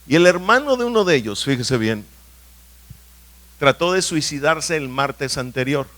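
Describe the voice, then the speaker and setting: A man's voice: on the high side, animated, unhurried, fairly bright tone. A man preaching a sermon as pastor, telling testimonies and often asking the congregation whether they understand. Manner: emphatic, asks the congregation questions often. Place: church hall.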